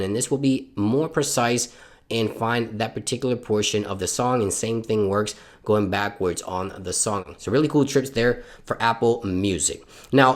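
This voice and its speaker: In a medium-pitched voice, a Puerto Rican tech channel host who speaks Spanish bilingually guides viewers through phone tricks one step at a time. His tone is upbeat and instructional.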